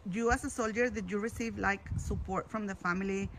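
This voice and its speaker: A woman's voice: mid-range voice, fairly even intonation, moderate pace, fairly bright tone, a little hiss or hum, poor audio. Female interview host, conversational and familiar with her audience. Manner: chatty, addresses listeners familiarly. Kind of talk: conversational live interview in Spanish and English.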